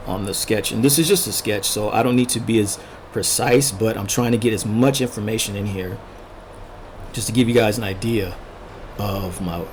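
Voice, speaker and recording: An illustrator hosting an art tutorial narrates his sketching in a low, gravelly voice, unhurried and thinking aloud in short fragments. He is losing his voice and clears his throat, and a little hiss or hum sits under the casual recording.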